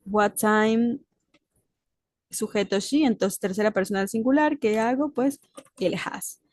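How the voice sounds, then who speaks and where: A woman's voice: mid-range voice, unhurried, dry recording. Patient teacher woman, very dry sound. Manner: explains patiently, mixing Spanish and English, checking in with "¿sí?". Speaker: English teacher. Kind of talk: recorded online lesson.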